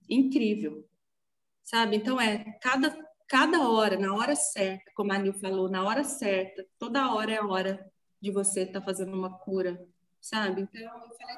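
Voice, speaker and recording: A woman telling an emotional personal story to a group, animated and acting out what she said back then. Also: medium pitch, distant mic, poor audio. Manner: animated storytelling, acting out her own past words. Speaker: group participant sharing a story.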